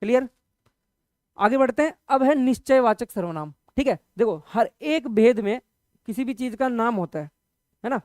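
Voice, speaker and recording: Teaching Hindi grammar for exam prep, a man explains patiently and conversationally, repeats examples slowly, and checks in with students after almost every point. His very high-pitched voice has lively intonation, with clean studio sound and no room sound.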